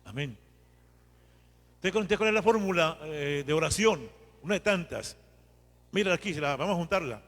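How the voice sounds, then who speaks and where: A male priest giving a homily in a conversational, animated way. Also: a little high, normal speed, pauses often, big-room sound. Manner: conversational, animated retelling with acted quotes.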